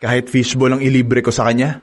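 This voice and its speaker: A young adult male radio-drama actor voices a smug college student who uses women, bragging cockily and laughing to himself. The delivery is mid-range, flat and brisk, staying close to an everyday voice.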